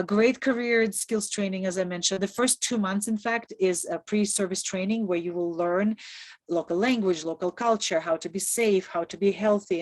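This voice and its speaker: Speaking in a fairly low voice on a dry recording, a Kazakh woman who grew up speaking Russian gives a Peace Corps information presentation via video call. As a returned volunteer, she keeps it conversational and upbeat, with frequent laughter.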